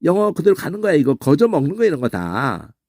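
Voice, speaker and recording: A middle-aged man giving an informal pronunciation lesson, demonstrating sounds aloud and checking in with quick questioning grunts. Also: fairly high pitch, wildly swooping pitch, a little mellow, no room sound, clean studio sound. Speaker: Bible language teacher.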